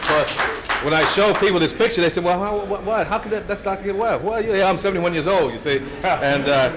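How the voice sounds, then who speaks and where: A man's voice: sits high, normal speed, a loud crowd, heavy background noise. A man in his seventies giving a storytelling speech at a brunch event, anecdotal and chuckling, with many restarts. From United States. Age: 70s.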